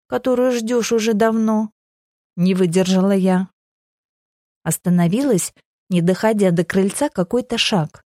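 A woman's voice: mid-range voice, dark tone, dry recording, studio quality. A woman reading a fantasy story in the first person, in a wry, ironic inner-monologue manner. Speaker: audiobook narrator.

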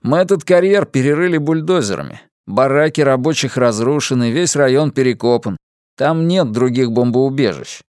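A man's voice: mid-range voice, animated, normal speed, darkish tone, no room sound, studio quality, close to an everyday voice. A man reading an audiobook, voicing a male police colleague in a raised, insistent voice.

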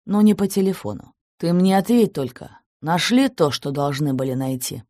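A woman's voice: low voice, expressive, normal speed, warm tone, no room sound, studio quality. A woman voicing a guarded man on the phone in an audiobook.

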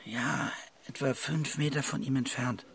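In a naturalistic radio drama, an actor in his forties plays a stressed, suspicious husband, speaking in a hushed, urgent way that often drops into whispers. His medium-pitched voice is unhurried and creaky.

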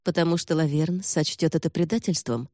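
A man reading an audiobook and voicing a defiant young noblewoman heroine who fires sharp, accusing questions. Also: fairly high pitch, steady tone, a little fast, no echo, studio quality, natural voice.

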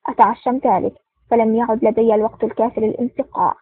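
A woman's voice: on the high side, fairly even intonation, fast, lightly acted. A woman voicing a stern, terse male intelligence officer in an audiobook, with a curt, dry delivery. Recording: tinny phone-like sound.

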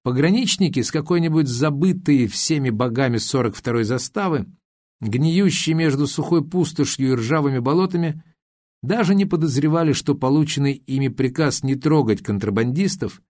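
A man narrating an audiobook in an even, unhurried storytelling manner. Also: medium pitch, no echo, clean studio sound. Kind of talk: scripted narration.

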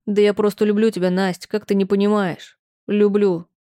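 A woman voicing a young man in love who pleads earnestly and slowly. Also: medium pitch, level tone, mellow, close to an everyday voice.

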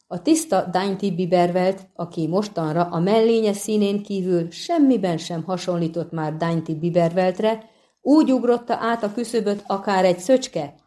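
Female audiobook narrator, low and warm, steady pace. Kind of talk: scripted narration.

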